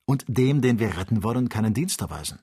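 A man voicing a calm, authoritative doctor who leads an expedition, speaking in a measured, reasoning way. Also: medium pitch, slightly rough. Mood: calm, firm.

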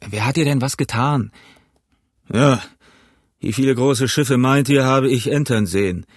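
A man voicing a cunning older pirate cook who talks in a gruff, blustering, lecturing way, in an audiobook reading. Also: medium pitch, measured pace, no room sound, studio quality, close to an everyday voice.

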